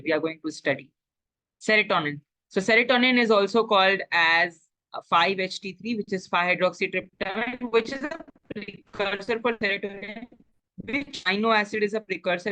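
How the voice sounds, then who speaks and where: An Indian woman teaches a live online lesson in a bright, forceful voice at a middling pitch. She puts questions to her students and encourages them, moving freely between Indian-accented English and Hindi. The sound is dry, with very little room echo.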